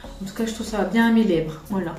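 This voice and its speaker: Fast-talking and a little mellow, with a mid-range voice, a Frenchwoman films a casual makeup tutorial on a tripod, chatting and joking at her own expense in rambling asides. Faint music plays in the spacious room.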